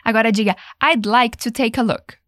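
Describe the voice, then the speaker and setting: This language lesson features a young Brazilian woman teaching English with a Brazilian Portuguese accent. She repeats phrases slowly and patiently so the learner can follow, her slightly high voice fairly even in intonation and a bit bright, captured dry and close with no room echo.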